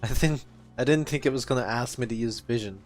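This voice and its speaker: A man's voice: mid-range voice, a little fast, music in the background. A man streaming a video game, chatting casually, reading dialogue aloud and humming along. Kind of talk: casual gameplay commentary.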